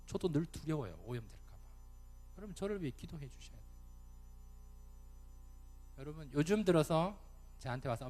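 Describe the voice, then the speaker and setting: A man's voice: fairly high pitch, darkish tone. A man with a Gyeongsang accent preaching a sermon as a youth pastor, talking straight to the congregation and acting out people's thoughts. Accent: Gyeongsang Korean. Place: church sanctuary. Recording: long church reverb, faint music behind.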